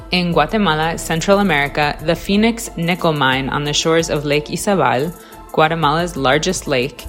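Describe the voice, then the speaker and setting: A woman narrating a scripted radio documentary in a measured, serious, carefully enunciated way. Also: deep voice. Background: music behind the voice.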